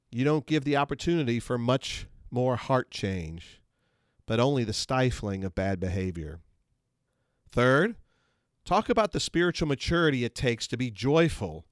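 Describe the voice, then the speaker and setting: A man's voice: mid-range voice, no echo. Earnest man teaching parents, dry sound. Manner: earnest, measured instructional delivery. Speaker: podcast host.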